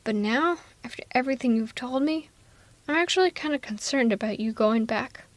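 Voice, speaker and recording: Slightly high and lightly acted, this woman's voice moves at normal speed with no echo. She's voicing a villainess who is sardonic but protective, wryly and persuasively coaxing one listener in an ASMR audio roleplay, sounding concerned.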